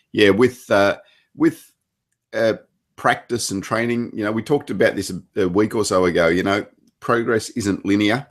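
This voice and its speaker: Lively low-voiced Australian coach. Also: male voice. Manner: chatty, animated, jumps up in pitch. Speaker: table tennis coach. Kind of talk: casual chat.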